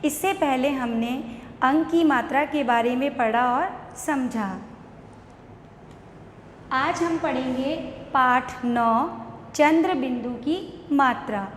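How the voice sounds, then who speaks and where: A woman with an Indian accent teaching young children an online lesson, spelling words slowly syllable by syllable. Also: sits high, slight background noise. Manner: slow, syllable-by-syllable spelling aloud. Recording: echoey room with long reverb.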